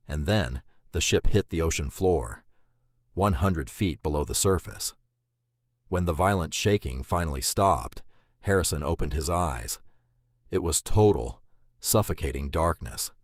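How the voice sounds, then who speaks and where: Male narrator, very low voice, dry close sound, suspenseful scripted storytelling. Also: no room sound. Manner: measured, suspenseful delivery.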